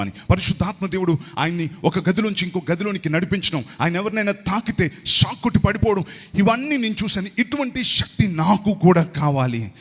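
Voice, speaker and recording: A man giving a storytelling sermon testimony as a pastor. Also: sits high. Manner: storytelling with quoted voices. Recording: long reverb hall.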